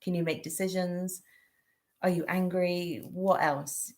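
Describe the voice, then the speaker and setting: Woman, Bristol accent, low voice, gentle practical co-host. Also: fairly even intonation, a little slow. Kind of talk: casual teaching chat.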